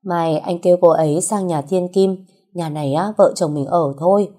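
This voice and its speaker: A jealous young wife with a sharp tongue, voiced by a woman reading a storybook. She teases and scolds in a low, husky, mellow voice. Her jabs come quick and pointed. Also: natural voice. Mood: teasing. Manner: teasing, scolding.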